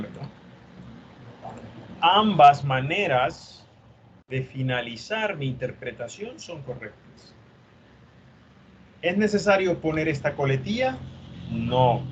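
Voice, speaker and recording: A man's voice: mid-range voice, dull audio, a little hiss or hum. A male teacher lecturing an online class, explaining step by step and often checking for understanding.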